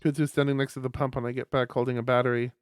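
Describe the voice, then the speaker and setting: A man streaming a visual novel, reading the story aloud in a lowered voice with loud reactions. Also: flat delivery, rapid-fire, clean tone, no echo, faint music behind. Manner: reads narration in a lowered voice, reacts with loud exclaims. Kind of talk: reading a story game aloud with chatty asides.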